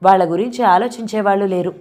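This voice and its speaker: A thoughtful young woman reasons patiently with her upset friend, voiced by a woman reading an audio novel. Her even, medium-pitched tone stays close to the reader's own voice. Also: fast, natural voice. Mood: reasoning. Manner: reflective, reasoning.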